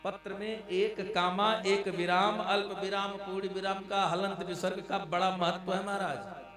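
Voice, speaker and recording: A man with a high voice preaches a devotional story at an unhurried pace, acting out each character's lines and calling his listeners "maharaj". He sounds some way off from the mic in a large, echoey live venue. Devotional music plays clearly behind him. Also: little pitch movement, distant mic. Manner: storytelling, acts out dialogue, addresses listeners as "maharaj". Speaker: Ram Katha preacher.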